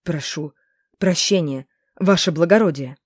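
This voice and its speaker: A woman voicing a gruff male city guard with a nasal voice who barks orders, in an audiobook. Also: on the low side, measured pace, dry recording, studio quality. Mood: flustered. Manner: blustering, barking orders.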